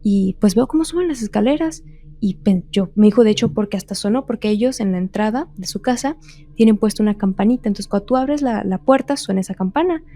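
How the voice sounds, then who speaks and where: A woman's voice: mid-range voice, expressive, fast, mellow. A woman casually retelling a ghost story on a podcast. She rambles and keeps repeating "he told me.".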